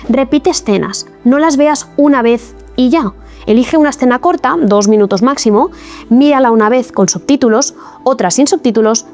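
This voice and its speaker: A woman giving a scripted video lesson as an English teacher, explaining each step clearly and encouragingly. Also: on the high side, darkish tone.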